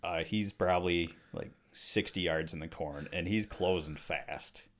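Deep-voiced guy from michigan, excited, recounting a story to a buddy. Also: measured pace. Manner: excited, animated retelling. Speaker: co-host telling a hunting story. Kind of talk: casual storytelling chat.

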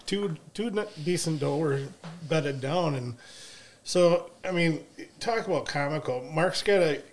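Male podcast host, a touch high-pitched, loose rambling storyteller. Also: measured pace. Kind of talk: casual storytelling chat.

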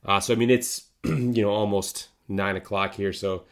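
Relaxed low-voiced male podcast host. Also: normal speed. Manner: relaxed, rambling, lots of fillers. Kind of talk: casual podcast interview.

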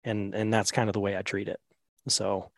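Man, casual podcast guest, lively storyteller, dry close sound. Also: on the low side, normal speed, gravelly, no echo. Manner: laughing, animated storyteller with lots of fillers.

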